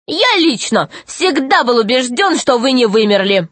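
A woman's voice: a little high, very animated, measured pace, a bit bright, dry recording, voice pushed up, full character voice. A woman voicing a polite, eager young boy who speaks in a placating way. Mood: agreeable. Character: boy, courteous and eager to please.

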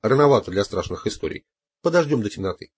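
A man reading a playful older male sorcerer in an audiobook, hushed and sly. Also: lowish voice, sing-song, quick pace, breathy edge, dry recording. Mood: teasing.

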